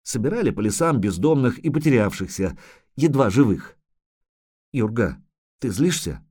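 A man's voice: mid-range voice, animated, normal speed, darkish tone, breathy edge. A man voicing an anxious, loving merchant's wife who pleads eagerly. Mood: pleading.

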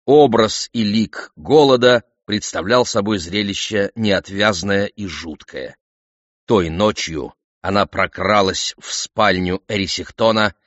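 A man's voice: deep voice, dry recording. Theatrical male audiobook narrator. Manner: lively, theatrical storytelling. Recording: slightly dull, dry recording.

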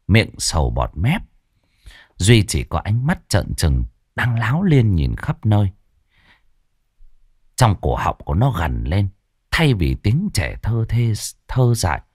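Husky, dramatic male storyteller. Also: fairly low pitch, darkish tone, no room sound, studio quality. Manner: dramatic, slowing for suspense. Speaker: audiobook narrator. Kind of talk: horror story narration.

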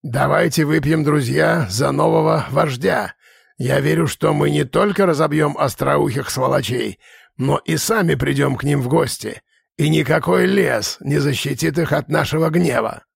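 Man voicing a gravelly orc shaman. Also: fairly high pitch, moderate pace, dry recording, studio quality, exaggerated voice. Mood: stern. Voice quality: gravelly, husky. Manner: grumbling, commanding. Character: gruff old male orc shaman, stern. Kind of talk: audiobook character voice.

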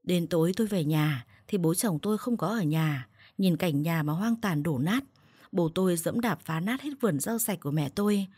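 A woman's voice: lowish voice, normal speed, mellow, slightly rough, no echo, clean studio sound. A woman narrating a first-person family story in a blunt, feisty way.

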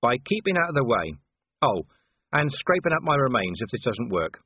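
A man's voice: medium pitch, sing-song, moderate pace, slightly rough, dry recording. A man voicing a dry, weary, tough male police commander in an audiobook reading, with a clipped sardonic delivery. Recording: tinny phone-like audio.

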